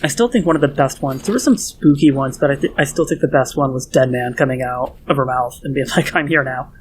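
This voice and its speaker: A man's voice: mid-range voice, fast talker, a little mellow, a little hiss or hum. A young man giving casual, joking gameplay commentary from home, sarcastic and swearing freely. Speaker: let's play gamer. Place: at home in a hot room.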